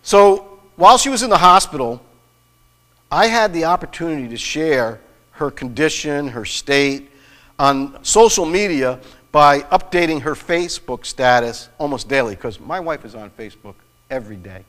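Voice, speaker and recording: A man's voice: fairly high pitch, animated, normal speed, sharp tone, big-room sound. A middle-aged man preaching a sermon in a church, telling a personal story in an earnest way with frequent restarts. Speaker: pastor. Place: church sanctuary.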